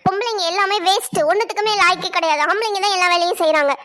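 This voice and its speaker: A high, squeaky cartoon boy who is full of himself, snapping out demands in a rapid rush. He talks down to everyone around him and expects to be obeyed. Someone acts him out for the animation. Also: sharp tone. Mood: bossy. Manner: domineering, scornful orders. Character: bossy, arrogant young boy. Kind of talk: cartoon voice acting.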